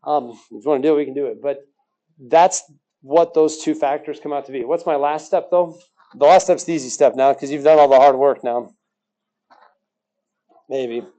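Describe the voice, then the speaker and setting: Male math teacher, fairly high voice, mellow tone, teasing question-and-answer lesson style. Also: normal speed, pauses often, poor audio. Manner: quizzes the class with rhetorical questions, joking. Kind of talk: recorded classroom lesson.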